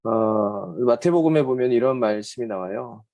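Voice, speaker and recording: A man's voice: medium pitch, moderate pace, mellow. A man teaching a Bible overview lecture in a conversational way, with frequent hesitant fillers. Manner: conversational, often acts out quoted speech.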